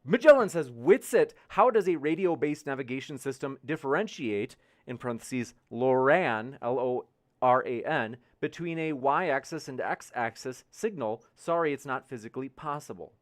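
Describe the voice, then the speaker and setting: A man's voice: medium pitch, expressive, normal speed. A man moderating an online debate, reading out chat questions in an upbeat, chatty way. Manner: upbeat, chatty, hypes upcoming events.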